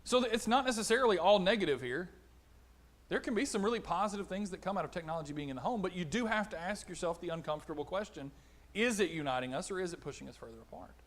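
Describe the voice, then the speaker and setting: Animated, fairly high-voiced male preacher. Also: fast. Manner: animated, conversational, acts out little dialogues. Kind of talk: sermon. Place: church auditorium.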